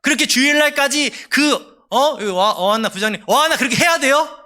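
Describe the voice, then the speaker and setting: A man's voice: extremely high pitch, lively intonation, brisk, pushed and bright, voice pushed up, exaggerated voice. A man voicing a scoffing acquaintance who mocks a believer's zeal in a needling, sarcastic way, as a sermon example. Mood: mocking.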